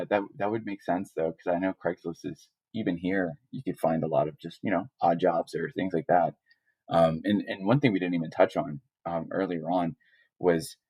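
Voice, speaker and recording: A man's voice: low voice, moderate pace, slightly rough, no echo, poor audio. A man co-hosting a podcast, talking casually and hesitantly with many restarts. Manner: hesitant, restarts often, relaxed. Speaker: podcast co-host.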